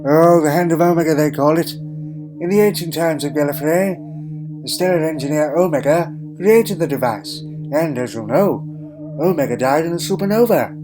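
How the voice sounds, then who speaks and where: A man's voice: fairly high pitch, moderate pace, natural voice. A man playing a crotchety, secretive old alien grandfather in a fan audio drama, with hesitant muttering, hums and pompous phrasing. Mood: musing, explaining. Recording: music laid under the voice.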